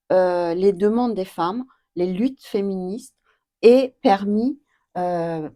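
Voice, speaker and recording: A woman in her fifties from Iran, answering interview questions in a hesitant way, with frequent filler pauses. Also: fairly low pitch, darkish tone. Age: 50s. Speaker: guest, activist.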